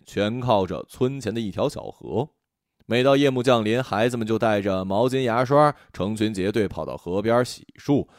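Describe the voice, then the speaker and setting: A man narrating a children's story in a gentle, expressive scripted reading. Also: medium pitch, dry recording, clean studio sound. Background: soft music.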